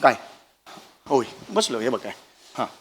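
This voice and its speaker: A man's voice: medium pitch, very animated, unhurried, breathy edge. A man with a Marathi accent acting a flustered husband in a stage comedy sketch, pleading and protesting. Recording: TV studio stage with loud music and audience.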